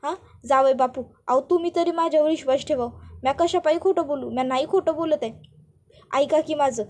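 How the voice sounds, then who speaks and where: Lady putting on a loud high-pitched village mom, wailing and begging, super theatrical, storybook retelling. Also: a little fast, natural voice. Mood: pleading wail. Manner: pleading, protesting, theatrical wailing in rural dialect. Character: melodramatic wailing village mother-in-law, middle-aged woman.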